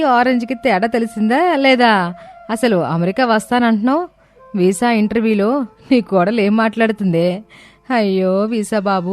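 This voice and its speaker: A woman's voice: mid-range voice, darkish tone, lightly acted. A woman voicing a snobbish middle-aged city woman in a cartoon, sneering and sprinkling in English words.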